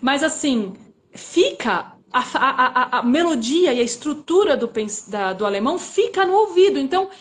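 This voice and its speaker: A woman with a high voice hosts a casual chat. She explains her points in an animated, teacherly way, keeping the conversation moving. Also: moderate pace. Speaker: host, language teacher.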